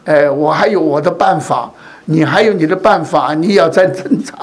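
A man delivers a sermon to his congregation, his voice sitting a little high. He circles back over his phrases and keeps asking rhetorical questions as he goes. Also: normal speed. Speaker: preacher.

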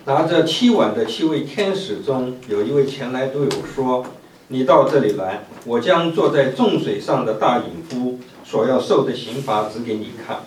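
A man reads scripture aloud in a steady, measured way. He stands back from the mic in an echoey room, with faint noise underneath. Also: medium pitch, far from the mic. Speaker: scripture reader.

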